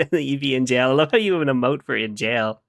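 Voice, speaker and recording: A playful male streamer talks to his chat in a mid-pitched voice, now and then breaking into little hummed tunes. The sound is dry and close, with no room around it. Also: lively intonation, moderate pace, creaky, no room sound. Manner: playful, giggly, hums and scats to himself while working. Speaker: streamer chatting with viewers. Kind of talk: casual live-stream chat.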